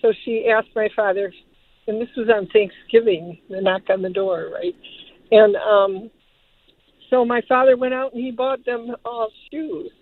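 A woman's voice: on the high side, steady tone, a little slow. An older woman from Detroit calling in to a radio show over the phone, telling a family story in a chatty, fond way. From Detroit, Michigan. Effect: heard over a phone line. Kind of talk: call-in radio conversation. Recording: tinny phone line.

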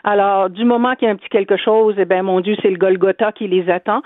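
An insistent Quebec French woman argues her case on a radio show, stumbling into restarts. She comes through a tinny phone line. Her voice is middle-pitched and dry. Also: steady tone, quick pace, dry recording. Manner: emphatic, insistent, hesitant restarts. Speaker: phone-in guest, association president.

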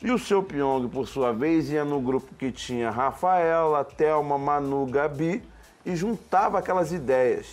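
A man in his forties telling stories in an interview, emphatic and animated, often restarting and acting out the dialogue he quotes. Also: a little high, unhurried, faint music behind. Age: 40s. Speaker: former reality show contestant.

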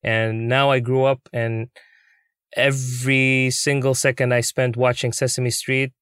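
A man's voice: mid-range voice, a little slow, smooth, no room sound. Young puppeteer guy, earnest, lots of likes and ums, dry close sound. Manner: earnest, excitable, many fillers. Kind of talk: interview storytelling.

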